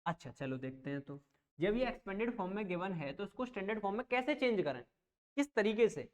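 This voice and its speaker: A man's voice: sits high, lively intonation, fast talker. A man teaching an online math lesson as a coaching teacher. He talks patiently, repeats each step and keeps checking whether the students follow. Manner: reassuring, plain explanations.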